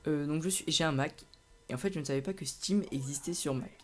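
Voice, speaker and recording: A man's voice: on the high side, fairly quick, faint music behind. Rambling young man over gameplay. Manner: rambling, hesitant, many fillers and restarts. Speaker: gaming channel host. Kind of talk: casual gameplay commentary.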